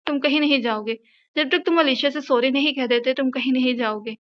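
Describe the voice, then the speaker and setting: A woman's voice: sits high, a little fast, muffled recording, natural voice. A woman voicing a stern middle-aged mother in an audio novel, scolding her son with authority.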